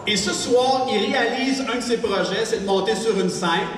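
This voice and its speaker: A man's voice: high-pitched, normal speed, background noise. A man hosting a stage show, announcing acts with enthusiasm. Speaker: show host. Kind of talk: stage emcee introductions. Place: theatre stage. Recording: roomy hall, far mic, crowd.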